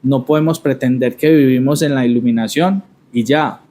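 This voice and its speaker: A man in a reflective conversation, speaking at an ordinary middle pitch. He talks thoughtfully and haltingly, restarting phrases and circling back to his words before he goes on. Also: mellow. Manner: thoughtful, halting, repeats words while searching. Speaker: podcast host.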